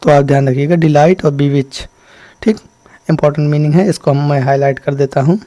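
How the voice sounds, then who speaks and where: A man teaching an exam-prep vocabulary lesson. He explains step by step, checks in often, and reads the English definitions slowly. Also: fairly high pitch, steady tone, dark tone, dry recording. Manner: explains step by step, keeps saying "ṭhīk" to check in.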